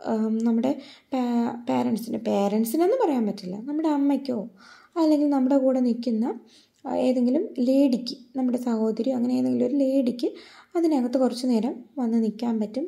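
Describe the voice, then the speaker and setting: High gravelly-voiced young woman vlogger. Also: dark tone. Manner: earnest, detailed recounting. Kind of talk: personal storytelling vlog.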